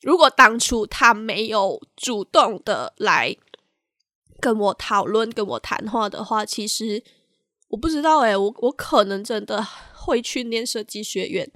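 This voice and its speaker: A young woman co-hosting a podcast, telling a personal story in a halting, candid way and slipping into English phrases now and then. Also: medium pitch, lively intonation, sharp tone, no room sound, studio quality. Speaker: podcast co-host.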